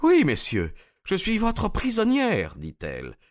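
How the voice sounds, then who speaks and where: A man's voice: high-pitched, wildly swooping pitch, measured pace, pitched above the performer's own voice, full character voice. A man voicing a dignified older woman with a foreign accent in an audiobook, speaking with solemn gravity. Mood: confessing.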